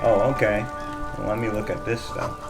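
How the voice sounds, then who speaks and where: A man's voice: fairly low pitch, little pitch movement, moderate pace, creaky, rough recording. A man doing a casual let's-play, reading game text aloud and reacting with playful, dramatic asides as he interrupts himself. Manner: playful, self-interrupting, dramatic read-outs. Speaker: gaming streamer. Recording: game music faintly behind voice.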